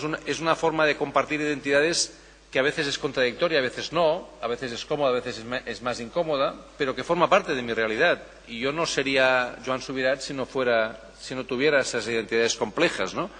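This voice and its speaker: A man with an average-pitched voice answers a question at a conference, in the easy, thinking-aloud way of a professor. He keeps checking in with his listeners through little tag questions and often starts a sentence again. A long reverb trails after his words in a big hall. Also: fairly quick, sharp tone. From Catalonia, Spain. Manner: thoughtful, tags phrases with "¿no?", frequent restarts. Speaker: political science professor, conference speaker.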